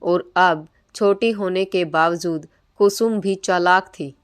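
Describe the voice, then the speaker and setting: A woman reading a family story aloud in a slow, even storytelling voice. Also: lowish voice, clean tone, no echo. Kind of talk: scripted narration.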